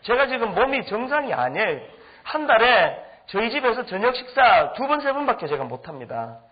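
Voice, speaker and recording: A middle-aged man preaching in a high, animated voice that swings up and down. He tells funny anecdotes and acts out the people in them. The recording is dull and lo-fi. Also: normal speed. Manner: animated, humorous anecdotes with acted-out quotes. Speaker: pastor. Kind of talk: storytelling sermon.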